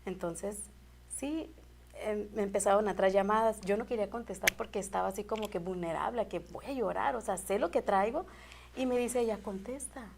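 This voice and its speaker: A woman's voice: mid-range voice, a little fast, gravelly, a little hiss or hum. A woman telling an emotional faith testimony in an earnest, heartfelt way as a guest. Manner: earnest, heartfelt, repeats and restarts phrases.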